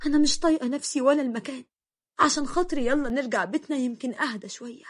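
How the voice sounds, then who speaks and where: A woman's voice: high voice, racing, breathy edge. A woman with an Egyptian accent voicing a distressed young bride, weary and pleading.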